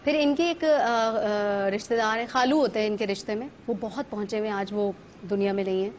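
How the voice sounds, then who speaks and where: A woman's voice: mid-range voice, brisk, darkish tone. A woman from Pakistan, a talk-show guest, telling a vivid personal story and acting out what others said.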